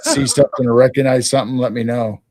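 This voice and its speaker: A man hosting a casual live stream, thinking aloud in halting starts while studying something on his monitor. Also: medium pitch, fairly even intonation, darkish tone. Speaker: stream host.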